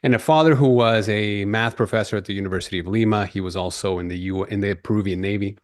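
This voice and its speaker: A man in his forties from Peru, a guest on a podcast interview, telling his background in a measured, explanatory way. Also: on the low side, no echo, clean studio sound.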